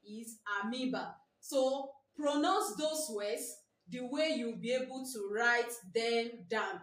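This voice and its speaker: A woman's voice: fairly high pitch, takes it slowly, fairly bright tone, distant mic. A woman with a Nigerian English accent teaching a biology exam-prep lesson, often repeating herself and asking "what?" before answering her own question. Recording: echoey room, voice from afar.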